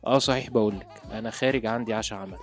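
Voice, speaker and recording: A man's voice: fairly low pitch, racing, over music, close to an everyday voice. An actor playing a doting young husband who laughs and teases his wife in an Egyptian accent in a radio drama. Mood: teasing. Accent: Egyptian Arabic. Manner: laughing, playful teasing.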